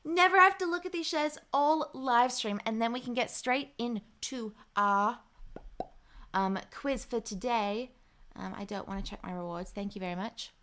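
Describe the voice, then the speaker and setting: Chatting loosely with her livestream viewers, a young host reads out comments, dropping relaxed ums into her pauses. Her voice is bright, crisp, and on the high side.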